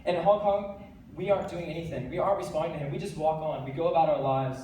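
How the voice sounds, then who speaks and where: A teenage American TEDx speaker talks quickly to a live audience from the stage, his slightly high voice earnest and energetic, and he jokes lightly at his own expense. The microphone catches him from a distance, with heavy echo across the large hall and a faint hiss in the background.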